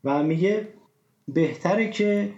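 Here a man with a high, slightly mellow voice leads a relaxed chat on Persian writing conventions, full of examples and hesitant filler words. The sound is lo-fi, dull and roomy.

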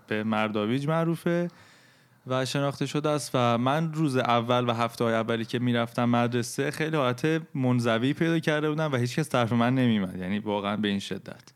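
Man, light Isfahani accent, reflective storyteller in a casual podcast chat, mid-pitched voice. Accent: Persian, light Isfahani. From Isfahan, Iran. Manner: reflective, hesitant, laughs at himself.

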